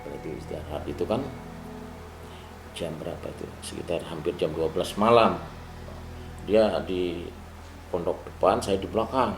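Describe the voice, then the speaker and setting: An older man telling a story in casual spoken style, animated and rising to loud bursts at tense moments, with a gravelly voice. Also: sits low, moderate pace, pauses often, over music. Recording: roomy room with clear background ambience.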